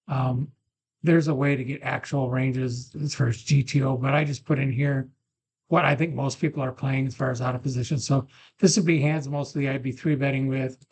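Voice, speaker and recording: A man presenting an informal screen-share tutorial, thinking aloud in a casual, off-the-cuff way, a little muffled on a makeshift mic. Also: fairly high pitch. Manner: informal, thinking aloud, occasional throat clearing. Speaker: poker strategy video presenter. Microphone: makeshift mic, not a dedicated one. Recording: muffled, without a proper microphone.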